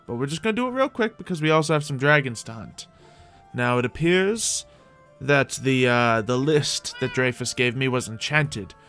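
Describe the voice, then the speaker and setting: The speaker is a man whose voice is medium-pitched and fairly bright. On his livestreamed game roleplay, he chats with his audience in a theatrical manner, rambling whimsically while commenting in character.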